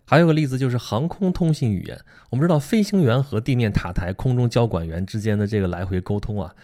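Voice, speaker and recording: A man's voice: medium pitch, animated, fast, warm tone. A man giving a casual spoken lecture about a book, often asking the listener rhetorical questions. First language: Mandarin Chinese. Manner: conversational, asks rhetorical questions. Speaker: book explainer.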